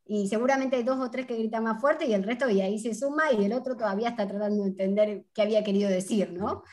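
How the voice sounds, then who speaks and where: A woman's voice: a little high, quick pace, a little mellow. A woman with an Argentine Spanish accent speaking as a panelist in a video-call discussion, with a thoughtful, questioning way of talking.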